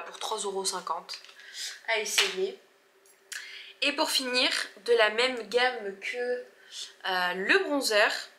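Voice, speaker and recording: Young female beauty vlogger in her 20s, bright and slightly high voice, rambling and gushing, heavy use of fillers. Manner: chatty, hesitant, many fillers and restarts; gushing over products. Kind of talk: casual haul vlog.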